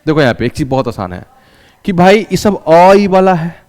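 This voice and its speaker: Pitched on the high side, the man's lively, slightly mellow voice moves at a moderate pace with a big-room sound. He's teaching English, asking and answering his own questions, having students echo him, and calling them "raja".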